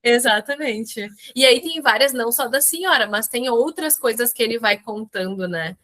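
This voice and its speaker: Brief: higher-voiced woman, chatty book club organizer who keeps asking "right?". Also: expressive, moderate pace, fairly bright tone. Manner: chatty, encouraging, many tag questions. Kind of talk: casual group chat.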